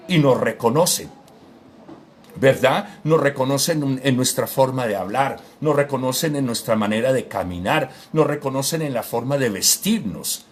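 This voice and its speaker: A man's voice: medium pitch, slight background noise. A man giving an informal Bible teaching, speaking directly to his listeners with frequent tag questions and hesitant fillers. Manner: addresses listener directly and formally.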